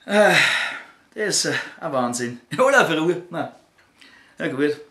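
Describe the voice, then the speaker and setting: A Viennese man performs a one-sided comic phone call in a high, bright voice that swoops all over. He is crude and foul-mouthed, lurching from outbursts to syrupy sweet talk, and the room around him echoes. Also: animated, unhurried. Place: living room.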